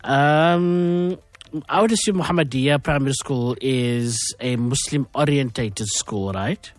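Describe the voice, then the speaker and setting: A man's voice: mid-range voice, takes it slowly, no echo. South African male radio host, chatty. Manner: conversational, with many fillers. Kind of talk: radio call-in show.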